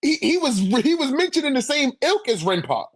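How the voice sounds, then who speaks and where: A high-voiced man argues in a slangy, profane way during casual debate chat on a manga ranking podcast. He sounds very animated at a moderate pace and repeats "you know what I'm saying".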